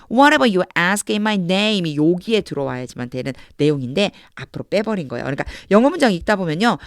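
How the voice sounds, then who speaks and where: A woman gives a patient, step-by-step grammar lesson at a middle pitch. Her voice sits close and dry, with no room sound. She slows right down whenever she reads an English phrase aloud. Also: dry recording. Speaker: English Bible reading teacher.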